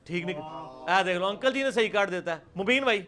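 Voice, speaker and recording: Middle-aged male teacher, high voice, Punjabi-accented Urdu, drills sounds loudly and calls on students by name. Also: background noise. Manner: demonstrates sounds by repeating them loudly and slowly, then calls on students by name. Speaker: Quran recitation teacher. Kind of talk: live class teaching Arabic pronunciation.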